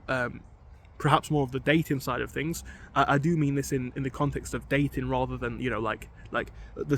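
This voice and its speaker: A man's voice: a little high, slight background noise. A young man talking earnestly to camera in a casual vlog outdoors on a bike ride, often repeating words as he thinks aloud. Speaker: vlogger.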